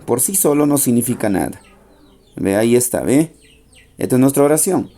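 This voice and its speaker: A man teaching an English grammar lesson in Spanish. He is patient, repeats the key points and slows down for the English example sentences. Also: mid-range voice, lively intonation, creaky, dark tone.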